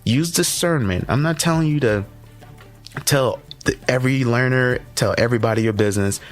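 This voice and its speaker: A man hosting a motivational podcast for educators, talking in an energetic, conversational way and often checking in with the listener. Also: medium pitch, moderate pace, faint music behind.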